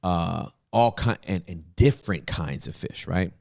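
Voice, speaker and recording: A man's voice: low voice, a little slow, vocal fry, no room sound, clean studio sound. A male pastor telling stories in a casual, emphatic podcast conversation. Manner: storytelling, emphatic, laughs often.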